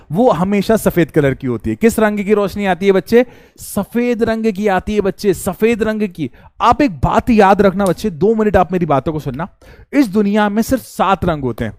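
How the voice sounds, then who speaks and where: A man with a fairly high voice teaches a live online science class. He talks in a chatty, teasing way, and keeps asking his students questions before answering them himself. The sound is dry and close to the mic, with no room echo. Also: a little mellow.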